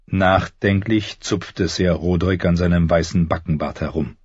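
A man reading an audiobook in measured, expressive scripted narration. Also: sits low, breathy edge, dry recording. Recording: dull lo-fi dry recording.

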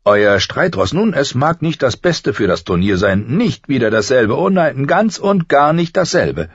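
A man's voice: medium pitch, big pitch swings, unhurried, husky, no room sound, voice pushed up, heavily acted. A man voicing a fussy, rambling guard who talks about horses, in an audiobook. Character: chatty male guard, fond of horses. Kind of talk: audiobook character voice. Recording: slightly muffled dry recording.

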